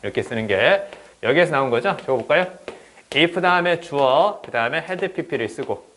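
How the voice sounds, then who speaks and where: Lively man giving a grammar lecture. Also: mid-range voice, a little hiss or hum. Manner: lively, repeats "그쵸?" to check understanding; reads English examples slowly and stressed. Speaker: English teacher. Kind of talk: exam-prep grammar lecture.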